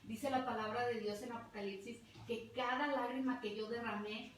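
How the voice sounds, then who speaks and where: A woman's voice: fairly high pitch, steady tone, moderate pace, slight background noise. A middle-aged woman with a Mexican accent, preaching a fervent testimonial sermon and repeating words for emphasis. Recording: very echoey hall, distant mic, faint ambience.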